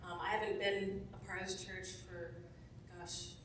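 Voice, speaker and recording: A woman in her forties, chatty and laughing often, telling a warm testimonial story to a church. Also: medium pitch, level tone, normal speed, slight background noise. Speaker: former church member giving a testimonial. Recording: echoey room from far off.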